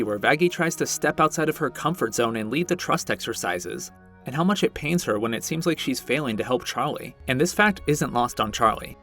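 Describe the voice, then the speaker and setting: An earnest man delivers scripted video-essay commentary in a reflective, gently self-deprecating way. His voice sits at an ordinary middle pitch. Soft music plays faintly beneath him.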